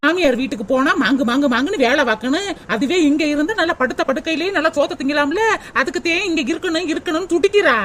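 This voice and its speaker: Woman doing a snarky cartoon sister-in-law, talks fast, highish voice. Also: a little hiss or hum, lightly acted. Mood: grumbling. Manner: sarcastic, grumbling. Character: sharp-tongued sarcastic young sister-in-law.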